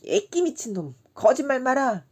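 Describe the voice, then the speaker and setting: A woman's voice: high-pitched, big pitch swings, normal speed, pitched above the performer's own voice. A woman voicing a skeptical male drinking buddy. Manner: scolding, skeptical. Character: wary middle-aged male drinking buddy. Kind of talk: audiobook character voicing.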